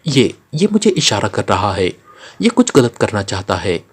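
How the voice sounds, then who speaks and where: A man voicing a nervous, jumpy male henchman in an audiobook, shouting in panic. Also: fairly low pitch, sing-song, moderate pace, breathy edge, pitched below the performer's own voice. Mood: panicked.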